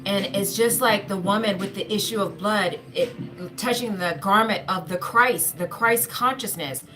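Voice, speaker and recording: A woman's voice: medium pitch, a little slow, sharp tone. Earnest woman giving a spiritual talk over music. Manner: earnest, repetitive, often addresses listeners as y'all. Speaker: spiritual speaker. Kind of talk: spiritual pep talk to viewers.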